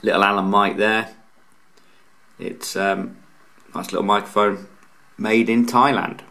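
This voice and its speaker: This man, a radio hobbyist reviewer with his own channel, explains a product casually as he handles it, with some hesitation. His lowish voice is steady and sharp, at a measured pace, with vocal fry. He stays off camera indoors beside a tabletop radio.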